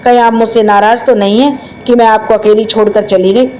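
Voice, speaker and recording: A woman's voice: a little high, fairly even intonation, brisk, darkish tone, slight background noise, close to an everyday voice, poor audio. A woman voicing an innocent, caring young girl. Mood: concerned. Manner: innocent, urgent.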